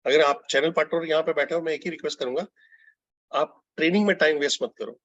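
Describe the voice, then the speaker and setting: A man talks fast in a slightly high, fairly bright voice while leading a chatty training session for telecallers as a business consultant. Mixing Hindi and English, he quizzes the audience as he goes. The sound is dry and muffled, with a lo-fi quality.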